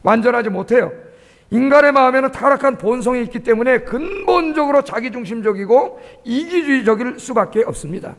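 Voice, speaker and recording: Brief: male pastor, emphatic sermon delivery with rhetorical questions, high-pitched voice, reverberant sanctuary. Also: animated, fairly quick, creaky. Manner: emphatic, asks the congregation questions and answers them. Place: church sanctuary. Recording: echoey church hall.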